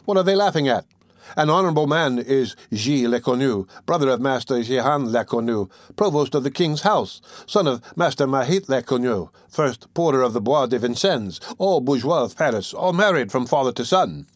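A man voicing a mischievous young male student who taunts the crowd in a lively, mocking way. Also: medium pitch, normal speed, dry recording, studio quality, lightly acted. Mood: cheeky.

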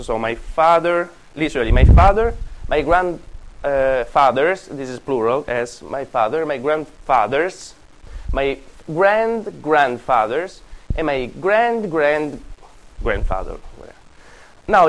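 Man, university lecture, lively rising and falling pitch, thinks aloud. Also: low-quality recording. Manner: animated, thinks aloud, self-corrects. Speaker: classics lecturer.

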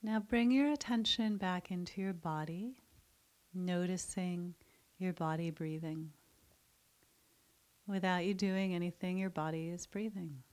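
Woman, meditation guide, very slow, lowish voice, soft and soothing, long pauses.

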